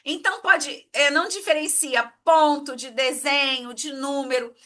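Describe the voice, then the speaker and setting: A woman's voice: sits high, measured pace, pushed and bright. A woman teaching an exam-prep lesson, explaining step by step and checking in with her students often.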